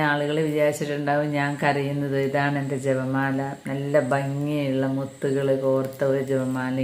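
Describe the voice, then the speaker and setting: A woman's voice: very deep voice, a little mellow. A middle-aged woman, a catechism teacher, giving an earnest personal religious testimony and calling listeners dear brothers and sisters. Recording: echoey room.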